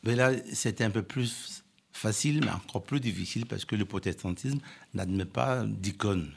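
Low, husky, gravelly male guest. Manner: halting, repeats words while searching. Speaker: guest expert. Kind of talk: radio interview answer.

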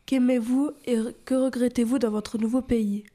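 A woman interviewer reading formal, prepared questions at a measured pace. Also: on the high side, steady tone, dark tone.

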